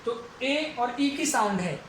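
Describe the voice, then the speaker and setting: A male English lecturer giving a phonetics lesson for exam students, who repeats each example word slowly several times. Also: very high voice, expressive, a bit bright. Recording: echoey room, faint background noise.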